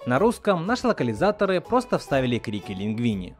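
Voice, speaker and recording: A man hosts a scripted video essay reviewing film dubbing, narrating quickly in a very animated, medium-pitched voice. His delivery is that of a commentator, recorded as a voice-over with background music underneath.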